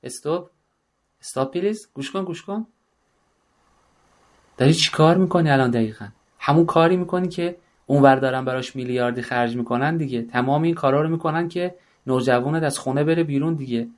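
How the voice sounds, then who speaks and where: A middle-aged man giving a religious talk on parenting, speaking emphatically and often acting out bits of dialogue. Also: medium pitch.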